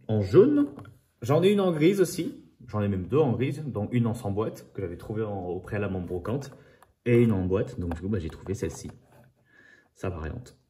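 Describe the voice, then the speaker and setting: A rather low-voiced man chats casually about his collection of model cars. He rambles, repeats himself and trails off into asides. His delivery is loose and conversational. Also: a little mellow, slight background noise. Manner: rambling, chatty, often repeats "voilà"; apologises for his own accent. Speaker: toy car collector. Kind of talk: casual unboxing chat.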